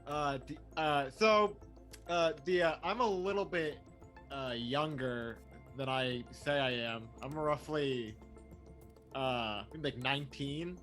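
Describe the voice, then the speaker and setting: A man's voice: medium pitch, slow, fairly bright tone, faint music behind. Rambling man describing his game character. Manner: rambling, filler-heavy descriptions. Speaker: player. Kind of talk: casual tabletop role-play.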